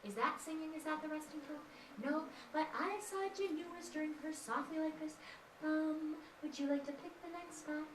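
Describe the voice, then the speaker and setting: In an indoor classroom, a woman runs a kindergarten music lesson, chanting and singing simple tunes and coaxing the children in a sing-song teacher voice. Her voice is high-pitched with fairly even intonation and a moderate pace. The echoey room carries her from a distance, with slight background noise.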